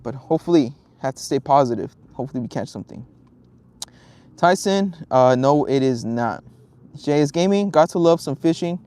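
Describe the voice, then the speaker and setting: A young Southern California man chats casually on an outdoor fishing livestream at a lake, reading viewer comments in a laid-back, rambling way full of ums. His voice sits on the high side and is animated, smooth, and darkish in tone, at a normal speed.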